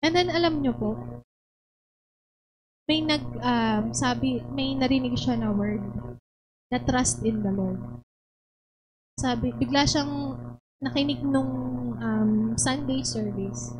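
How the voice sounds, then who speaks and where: A woman's voice: high voice, takes it slowly, pauses often, low-quality recording. A woman pastor preaching a sermon, switching between two languages and acting out people's prayers as she tells a story. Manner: mixes Tagalog and English, acts out quoted prayers.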